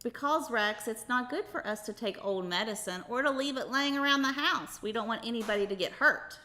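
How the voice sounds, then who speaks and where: A woman's voice: on the high side, brisk, pushed and bright, a little hiss or hum. A woman hosting a children's show, teaching in a sing-song, encouraging way as she talks to kids and a puppet. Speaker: kids' show host.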